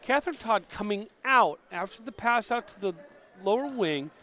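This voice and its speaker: A man doing partisan color commentary on a high school basketball game, urging the players on from the booth. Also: expressive, normal speed, sharp tone.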